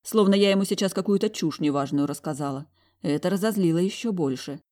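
Low-voiced woman narrating an audiobook. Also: a little fast. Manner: emotional, expressive reading. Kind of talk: first-person audiobook narration.

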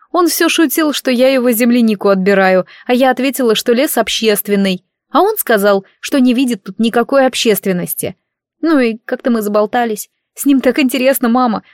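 A woman's voice: on the high side, a little mellow, no room sound, clean studio sound, pitched above the performer's own voice, lightly acted. A woman reading the lines of a tearful teenage girl from a village who keeps crying while she talks. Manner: sobbing, pleading.

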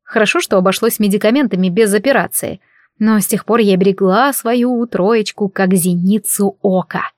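A woman narrating a novel in the first person, with steady, engaged storytelling. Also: medium pitch, normal speed, no room sound, studio quality. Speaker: audiobook narrator.

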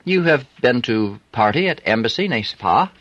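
A man's voice: medium pitch, lively intonation, normal speed, a bit bright, dry recording, dull audio, voice pushed up. Man doing a flirty French streetwalker. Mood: teasing. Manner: teasing, coaxing, broken English.

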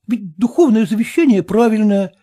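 A woman's voice: mid-range voice, expressive, moderate pace, slightly rough, voice pushed up. A woman reading a story, voicing a meek man who sighs and wheedles while bargaining. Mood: sighing, reluctant. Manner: sighing, soft-spoken. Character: meek, sighing male heir, wheedling.

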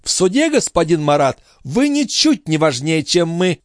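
A squealing, wheedling old concierge woman, as a man puts her on, her voice leaping high with sugary indignation. It soars and swoops through a wide range. The recording is dry and close. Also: sing-song, normal speed, dry recording. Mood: shrill indignant. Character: shrill wily old female concierge.

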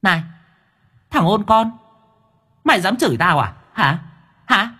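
A man's voice: sits high, very animated, unhurried, pushed and bright, breathy edge, voice pushed up, exaggerated voice. A man voicing an irritable female wandering ghost who shrieks and whines in a storybook tale. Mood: furious. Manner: shrieking, then wailing and pleading.

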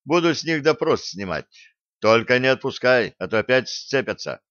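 A man's voice: mid-range voice, expressive, normal speed, a bit bright, no room sound, close to an everyday voice. A man reading an audiobook, voicing a harried, short-tempered young starship captain who barks orders. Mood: exasperated. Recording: dull dry close recording.

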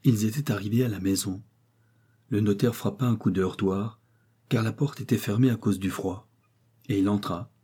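A man reads a classic novel aloud at a steady, measured pace. His voice is low, dark and husky. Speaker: narrator. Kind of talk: audiobook narration of a classic novel.

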